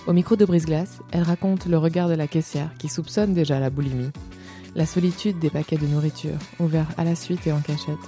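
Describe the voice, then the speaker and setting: A woman hosting a podcast, reading a measured scripted intro and asking interview questions. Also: sits low, steady tone, mellow, faint music behind. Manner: clear, measured, announcer-like delivery.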